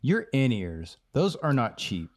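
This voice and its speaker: A man's voice: medium pitch, wildly swooping pitch, a little slow. A man co-hosting a podcast in casual banter, who teases his partner with needling questions and puns. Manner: teasing, needling questions, punny jokes. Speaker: podcast co-host.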